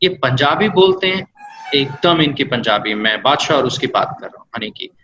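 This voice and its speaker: A man's voice: mid-range voice, lively intonation, normal speed, sharp tone, faint music behind, poor audio. A man working as an English language trainer, explaining patiently with examples and mixing English words into his Hindi. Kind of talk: explanatory interview answers.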